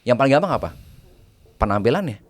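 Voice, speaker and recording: A man's voice: mid-range voice, sing-song, fast talker. Slangy man giving tips. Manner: slangy, sprinkles English phrases, gives numbered tips. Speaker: guest, private banker. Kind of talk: casual interview chat.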